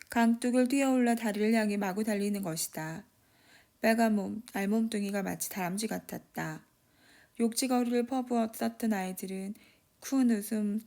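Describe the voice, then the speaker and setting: A woman giving a steady, measured scripted narration of a short story. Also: mid-range voice.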